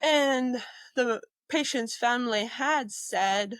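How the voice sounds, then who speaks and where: A woman working as an EMT, telling stories as a podcast guest in a lively way, acting out what people said and laughing often. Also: on the high side, takes it slowly, no room sound. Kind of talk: casual storytelling in a podcast interview.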